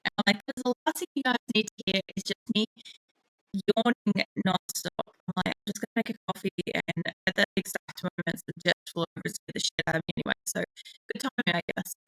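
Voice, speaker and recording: A woman's voice: medium pitch, a little fast, fairly bright tone, dry recording, soft background music, poor audio. A woman thinking aloud while streaming a game, sleepy and yawning, rambling and swearing casually at a desk microphone. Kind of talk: live-streamed gameplay commentary.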